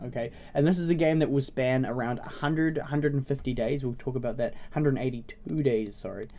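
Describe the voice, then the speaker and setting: A man hosts a casual game tutorial in a mellow, slightly raspy voice. He has a cold and sounds a bit congested. His delivery is informal and explanatory, with frequent little check-ins to the viewer. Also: mid-range voice. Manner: informal, explanatory, often checking in with "okay?" and "right?". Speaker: video host introducing a browser game series.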